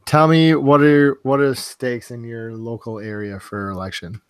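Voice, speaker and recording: A man co-hosting a casual podcast chat, with a raspy, husky voice, teasing and laughing often. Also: mid-range voice, steady tone, unhurried, dry recording, clean studio sound. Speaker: podcast co-host.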